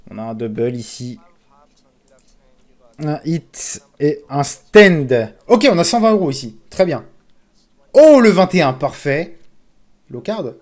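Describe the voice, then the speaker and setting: A man streaming casino games, commentating live, excitable, pleading with the game and calling out sums. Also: fairly high pitch, slow pace, pauses often.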